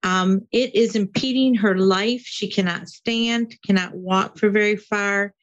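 A woman calling in to a show, her voice coming through a dull, lo-fi call line. She talks slowly and haltingly, filling gaps with soft hesitations. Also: mid-range voice, steady tone. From Michigan. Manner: hesitant, many "um" fillers. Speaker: radio show caller.

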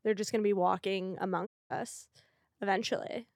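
A woman's voice: mid-range voice, fairly even intonation, normal speed, dry recording, clean studio sound. A woman hosting a podcast in a casual, comedic, blunt and irreverent way. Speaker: podcast host.

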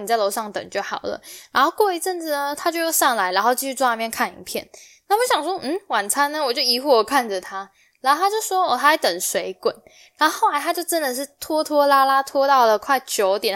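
A woman's voice: fairly high pitch, fairly bright tone. A young woman from Taiwan, hosting a podcast and telling a personal story in a casual way, acting out the quoted exchanges as she goes. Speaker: podcast host.

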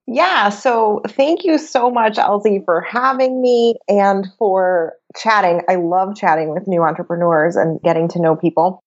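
A woman's voice: medium pitch, a little slow, few pauses. Chatty woman coach, dull lo-fi sound. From Venezuela. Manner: chatty, laughs often, many "like"s. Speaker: business coach guest. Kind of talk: casual interview chat.

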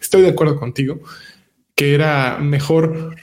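A man's voice: fairly high pitch, steady tone, moderate pace. A man with a Mexican accent giving casual, slangy commentary as a panelist on a gaming talk show, explaining his points and checking in with short tag questions.

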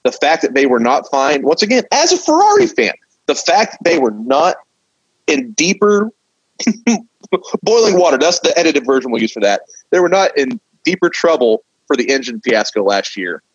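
A man co-hosting a podcast with an impassioned, ranting delivery. His voice is a little husky. The mic sounds dry and slightly dull. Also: a little high, sing-song, normal speed, no echo. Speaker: podcast co-host. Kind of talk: casual chat.

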